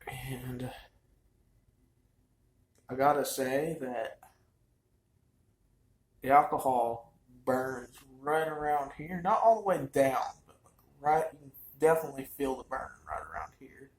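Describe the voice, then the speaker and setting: Man, casual wine vlogger, rambling and chatty, mid pitch, roomy echo. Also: lively intonation, takes it slowly, pauses often. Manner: rambling, chatty, frequent fillers. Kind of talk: casual chat.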